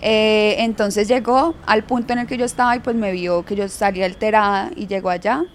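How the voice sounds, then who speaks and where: A woman's voice: medium pitch, steady tone, brisk, slight background noise. A young woman telling a personal story frankly, laughing often as an interview guest. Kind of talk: candid storytelling in conversation.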